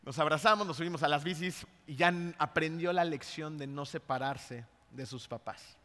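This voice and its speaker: A man with a Mexican accent preaching a sermon in a large church hall. He tells a personal story in a lively way and keeps checking in with the congregation. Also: a little high, normal speed. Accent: Mexican Spanish. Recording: long hall reverb.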